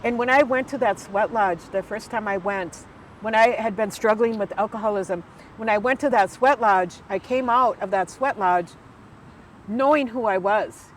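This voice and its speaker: This guest is an Ojibwe elder in her sixties from the United States whose conversational storytelling is sincere and from the heart, though peppered with fillers and restarts. She talks at a normal speed in a mid-range voice, on a rough recording with a little hiss or hum.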